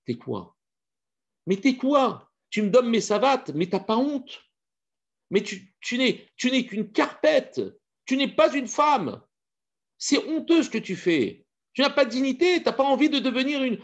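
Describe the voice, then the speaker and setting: Brief: scornful husband ranting in shrill bursts, as a male teacher puts him on, gravelly, in a dull recording. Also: very animated, normal speed, a little mellow, exaggerated voice. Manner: indignant rants rising to high outbursts. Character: rich husband who cannot lie, blunt and scornful.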